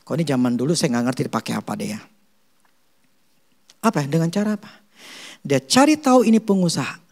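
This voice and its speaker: Lively casual male preacher. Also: fairly high pitch, fast talker. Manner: animated storytelling with acted quotes; casual Jakarta slang (gue, lu). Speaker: pastor. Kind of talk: sermon.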